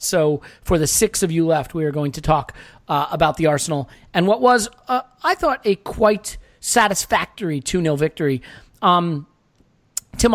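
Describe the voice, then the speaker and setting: A man hosts a football podcast with wry, wordy delivery. His voice sits high for a man, and the sound is very dry. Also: no room sound. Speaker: podcast host. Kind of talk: football podcast talk with scripted-sounding intro.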